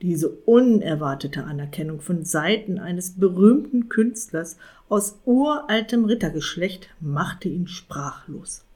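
A woman narrating a storybook aloud in a calm, quiet voice. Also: lowish voice, slow pace. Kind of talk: storybook reading.

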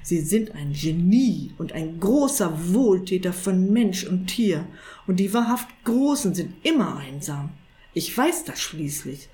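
A woman voicing a small, eager male cat who flatters and coaxes his master, in a storybook reading. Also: mid-range voice, natural voice. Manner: eager, wheedling, polite.

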